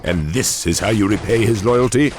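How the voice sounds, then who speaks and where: A man's voice: fairly low pitch, normal speed, background noise, close to an everyday voice. A man voicing a stern, sorrowful paladin in a video game, grave and reproachful.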